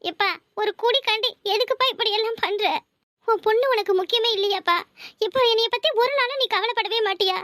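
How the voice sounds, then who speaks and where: Earnest cartoon teen girl, very high and bright, southern Tamil Nadu accent, pleading, as a woman voices her. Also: quick pace. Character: earnest teenage schoolgirl, top student. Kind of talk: cartoon voice acting.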